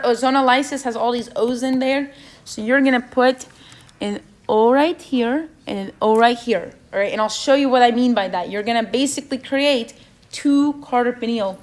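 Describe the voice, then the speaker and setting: A young woman with a non-native English accent leading an exam review session, asking the students questions and checking in with "okay?" as she goes. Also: a little high. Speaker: chemistry review session leader.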